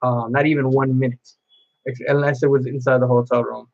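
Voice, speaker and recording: A man's voice: mid-range voice, flat delivery, fairly quick, highs cut off. A man chatting to camera as a cosplay vlogger, telling a long personal story in a rambling way with many restarts.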